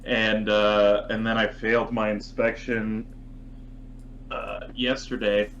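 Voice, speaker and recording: A man talks slowly and complains in casual, profane podcast chat. His mic sounds dull and lo-fi. A faint hum runs under his voice. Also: on the low side, monotone, a bit bright. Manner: slow, profane griping. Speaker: podcast co-host.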